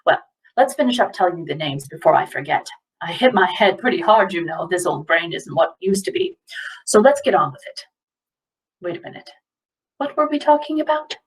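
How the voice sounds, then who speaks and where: A woman's voice: on the low side, big pitch swings, a little fast. Actress as a scatterbrained 19th-century mother's ghost, rambling, mic a bit far off. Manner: rambling, scatterbrained, loses her train of thought. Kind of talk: first-person historical monologue.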